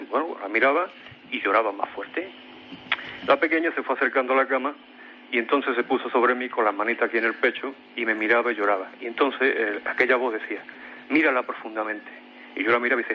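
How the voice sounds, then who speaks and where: A guest on a radio mystery show, a man with a Spain Spanish accent, recounts a strange paranormal experience he lived through, frequently hesitating and repeating his words. His voice sits in the mid range. The recording is muffled, with a little hiss or hum.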